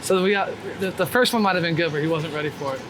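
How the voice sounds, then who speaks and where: A fast-talking man with a voice on the high side gives a casual street-photographer interview while strolling through the city. He swears a lot and keeps dropping "like" and "man" into his candid chatter. Clear traffic and city noise fill the background.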